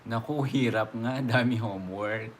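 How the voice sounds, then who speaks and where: A man's voice: mid-range voice, a little slow, a little hiss or hum. A man with an Ilocano accent, chatting casually with viewers as a vlogger, rambling along with frequent laughs. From Ilocos region, Philippines. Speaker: vlogger host. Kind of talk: casual chat answering viewers.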